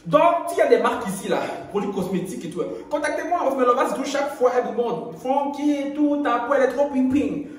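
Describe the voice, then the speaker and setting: A young man chatting casually in a gossip vlog, playful and laughing often, recorded on a phone in his bathroom at home. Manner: playful, laughing often, animated swings in pitch. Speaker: gossip YouTuber. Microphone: camera or phone while doing skincare. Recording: very echoey room.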